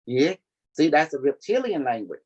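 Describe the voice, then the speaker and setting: A man's voice: on the high side, normal speed, muffled recording. A man with a Cambodian accent talking casually as a spiritual teacher, in non-native English with dropped verbs and endings. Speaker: spiritual teacher leading a group call.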